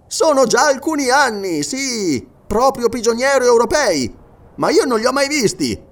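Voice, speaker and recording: A man reading aloud and voicing an excitable middle-aged army sergeant who answers in emphatic, insistent bursts. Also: extremely high pitch, moderate pace, voice pushed up.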